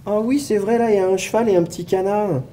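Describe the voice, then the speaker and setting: A woman's voice: mid-range voice, steady tone, quick pace, mellow, slight background noise, lightly acted. A woman playing Raoul, a cheerful curious guy. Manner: playful, exclamatory. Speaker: show's title character. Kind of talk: children's museum show acting.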